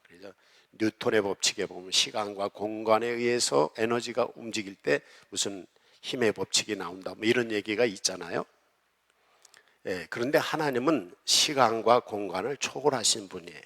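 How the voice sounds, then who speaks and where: A man preaching a sermon as pastor, emphatic and rising and falling in loudness as he draws replies from the congregation. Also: on the low side, moderate pace, vocal fry. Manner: emphatic preaching that rises and falls in loudness, coaxing the congregation to respond. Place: church sanctuary. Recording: long hall reverb in a church.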